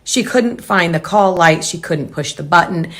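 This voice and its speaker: A woman home decor blogger talking casually to camera, hurried and rambling with restarts. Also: on the low side, lively intonation, a bit bright.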